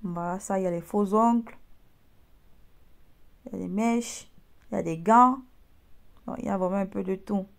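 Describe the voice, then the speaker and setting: Young woman, chatty, teasing, tutorial voice-over, middle pitch. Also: moderate pace, creaky, long pauses. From Cameroon. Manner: chatty, teasing, addresses viewer directly. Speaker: online business vlogger. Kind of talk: casual screen-recorded tutorial.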